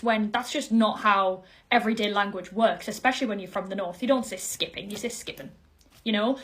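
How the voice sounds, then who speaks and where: Young woman with a softened Geordie accent. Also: a little high. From Northeast England. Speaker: vlogger. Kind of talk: casual talk to camera.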